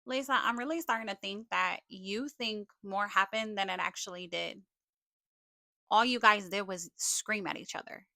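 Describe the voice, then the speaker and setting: A woman's voice: mid-range voice, normal speed, gravelly, pushed and bright, no echo, clean studio sound. A woman giving confrontational live commentary, sarcastic and scolding, with plenty of swearing. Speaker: streamer commenting on a livestream feud.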